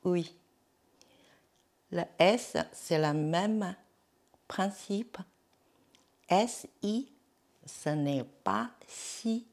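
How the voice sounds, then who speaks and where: A woman's voice: mid-range voice, very slow, pauses often, a little mellow. A woman teaching pronunciation in French, patiently repeating each sound and checking that the listener follows. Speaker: Chinese teacher. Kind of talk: slow pronunciation lesson.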